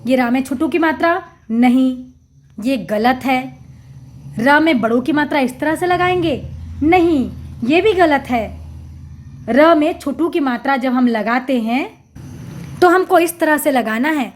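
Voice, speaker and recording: A woman teacher explains a reading lesson to young children. She speaks very slowly and breaks each word into syllables before saying it whole with emphasis. Her voice is high and bright, and she stays patient throughout. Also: a little hiss or hum. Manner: slow, drawn-out syllables with emphatic repeats. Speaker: primary school Hindi teacher.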